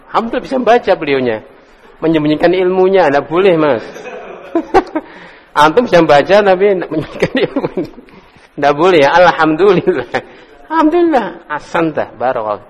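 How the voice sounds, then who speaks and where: Teacher in an echoey hall. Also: male voice, a little high. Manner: drills pronunciation slowly, corrects and teases students. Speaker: Arabic teacher. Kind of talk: classroom lesson, quizzing students. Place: lecture hall with students.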